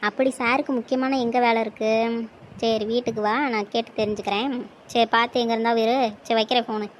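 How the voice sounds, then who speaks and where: Brief: woman playing exasperated young village woman, highish voice, scolds and grumbles. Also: level tone, fast, a little hiss or hum, lightly acted, poor audio. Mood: scolding. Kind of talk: dubbed cartoon dialogue.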